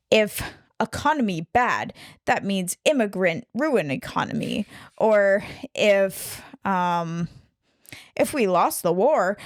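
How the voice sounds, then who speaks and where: A woman co-hosting a relaxed film podcast, talking through ideas with sarcastic asides and frequent laughs. Her voice sits at a middle pitch. It is recorded dry, with little room sound. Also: smooth, no echo. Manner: sarcastic, explanatory, laughs often. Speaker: podcast co-host. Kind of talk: casual film discussion podcast.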